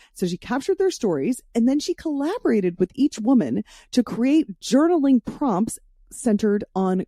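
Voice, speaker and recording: A woman hosts a podcast, giving a casual solo intro and chatting through an interview in an informal way, swearing freely. Her mid-range voice is mellow, captured in a dry, studio-quality recording.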